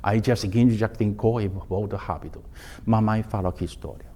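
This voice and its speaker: Male Taoist teacher, casual lesson delivery, halting non-native phrasing, lively storyteller. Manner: simplified non-native grammar with frequent restarts; storytelling with bursts of raised pitch. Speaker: Taoist master teaching a course. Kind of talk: informal spoken lesson.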